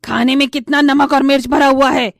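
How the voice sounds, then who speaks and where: A woman's voice: fairly high pitch, slow, darkish tone, dry recording, clean studio sound. A woman voicing a harsh, nagging older mother-in-law in a cartoon story, scolding in a theatrical way.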